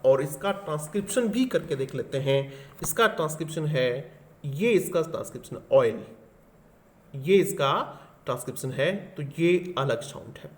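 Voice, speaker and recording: A man's voice: fairly high pitch, lively intonation, moderate pace. A man teaching an exam-solution lesson, explaining step by step and often asking the class questions.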